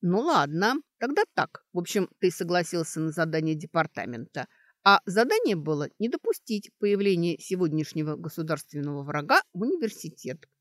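A woman reading an audiobook, voicing a sharp-witted young girl student who talks in a brisk, mocking way as she reasons things out. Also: lowish voice, big pitch swings, no echo, clean studio sound.

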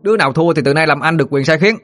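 A man's voice: fairly high pitch, racing, fairly bright tone, voice pushed up, lightly acted. A man doing a swaggering village bully boy. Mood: cocky. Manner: swaggering and taunting.

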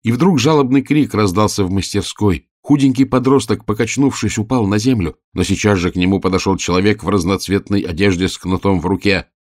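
A man narrating a storybook in a steady, expressive reading voice. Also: fairly low pitch, brisk, few pauses, no echo, studio quality.

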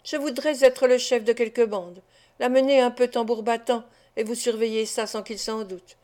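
A woman reader plays a greedy young braggart, brash and swaggering, full of himself in a storybook reading. The voice sits on the high side. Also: steady tone, moderate pace, a little mellow, lightly acted.

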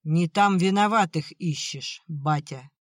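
A stern grown-up son, as the narrator puts him on, clipped and cold, a little lower and quieter than the reading. Slow, dry, close recording. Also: no room sound, close to an everyday voice. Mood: curt. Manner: curt, cold.

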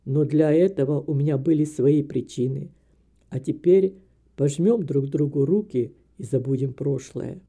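A guilt-stricken old father speaks in a lowered, heavy voice, pleading for forgiveness in an audiobook, as a woman reader puts him on. His tone is dark and mellow. Each phrase sags under remorse. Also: a little slow, husky, exaggerated voice. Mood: remorseful. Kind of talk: audiobook character reading.

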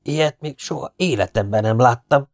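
A man's voice: dry recording, clean studio sound, lightly acted. A man reading an audiobook voices a frightened, nervous male partisan in a raised, anxious voice. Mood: wondering. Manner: high, anxious, shouting warnings. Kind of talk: audiobook character voice.

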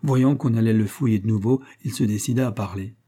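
A male audiobook narrator reading in a steady, measured way. His voice is husky, with a mellow, dark tone. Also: fairly low pitch.

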